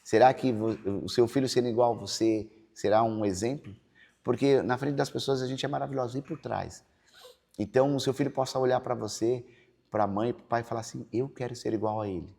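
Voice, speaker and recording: A man's voice: medium pitch, fairly even intonation, brisk, vocal fry, mellow. A man with a Brazilian Portuguese accent, a pastor telling his personal testimony in a podcast interview, earnest and preachy. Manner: earnest, preachy, acts out quoted dialogue.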